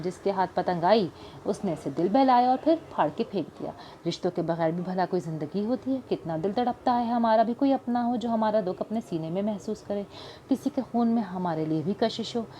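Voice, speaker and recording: Woman reading a grieving lonely older woman, plaintive, audiobook role, warm mellow voice. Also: medium pitch, a little hiss or hum, close to an everyday voice. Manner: plaintive, tearful.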